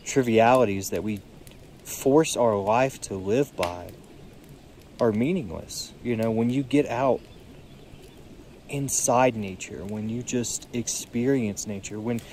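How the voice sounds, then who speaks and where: A tired young man musing aloud in a solo vlog, seated outdoors by a creek, filling his pauses with "you know". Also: medium pitch, a little mellow, slight background noise. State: tired, yawning. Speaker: podcast vlogger. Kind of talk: reflective solo monologue. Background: faint creek water and birdsong.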